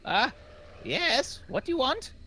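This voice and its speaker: A man's voice: extremely high pitch, big pitch swings, takes it slowly, sharp tone, slight background noise, pitched above the performer's own voice, full character voice. A man voicing a whiny, absentminded male scholar in robes, talking in a fussy, distracted way.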